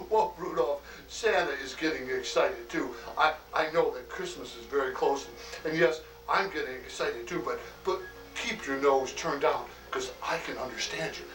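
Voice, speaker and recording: A man's voice: a little high, reverberant, far from the mic, close to an everyday voice, poor audio. A man playing a chuckling, jolly Santa Claus. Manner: chuckling often, slow homely delivery with many "oh" and "why". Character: jolly old Santa Claus, hearty and fatherly. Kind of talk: acted monologue for a personalized greeting video.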